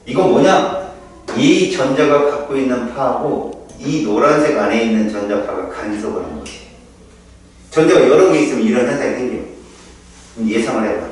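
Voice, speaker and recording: Lively, echoey man tutoring chemistry. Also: mid-range voice, normal speed, slight background noise. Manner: lively, explaining with rhetorical questions. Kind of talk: informal one-on-one teaching. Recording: echoey room, heard from a distance.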